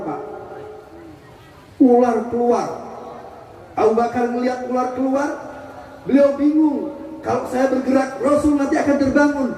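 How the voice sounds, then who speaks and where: A man's voice: very high-pitched, dark tone. A male preacher giving a humorous religious sermon, telling a story with jokes and often turning to the audience directly. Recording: echoey hall from a distance with faint hiss.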